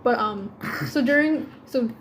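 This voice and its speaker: A woman's voice: on the high side, unhurried, a little hiss or hum. A young woman co-hosting a casual podcast, giggly and playful, teasing her co-host back. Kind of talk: casual chat.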